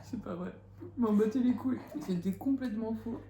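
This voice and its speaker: A woman's voice: a little high, brisk. A young woman vlogger in a giggly late-night chat, joking and swearing freely. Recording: echoey room with faint noise.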